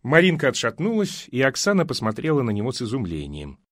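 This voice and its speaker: A man narrating an audiobook in an expressive, dramatic reading. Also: medium pitch, quick pace, no room sound, studio quality.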